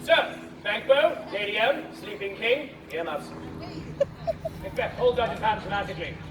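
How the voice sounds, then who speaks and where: A man telling a story to a live festival crowd as a comedy performance, giving his volunteers animated stage directions and shouting now and then. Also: high-pitched, a little fast, heavy background noise. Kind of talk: live audience-participation comedy retelling. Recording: far-off echoey outdoor crowd recording.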